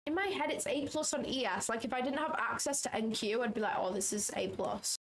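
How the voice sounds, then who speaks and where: Speaking a little fast in a slightly high voice, a woman hosts a trading livestream from a small office. She chats casually, reasons aloud, second-guesses herself and swears from time to time.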